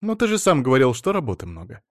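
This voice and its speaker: A man's voice: mid-range voice, wildly swooping pitch, fast talker, dry recording, clean studio sound, voice pushed up. A man reading an audiobook, voicing a capricious, pampered young wife who coaxes and orders her husband about. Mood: coaxing. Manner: coaxing, bossy.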